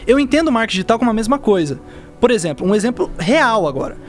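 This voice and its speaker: Young male Brazilian podcast guest, high voice, rapid casual slangy delivery, explaining by example. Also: big pitch swings. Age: young adult. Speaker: podcast guest, digital marketer. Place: indoor podcast studio. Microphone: dynamic mic on boom arm, close.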